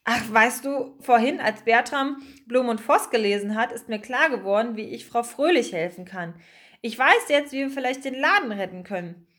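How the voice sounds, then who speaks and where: A woman voicing a calm, thoughtful male mouse who speaks earnestly. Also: fairly high pitch, moderate pace.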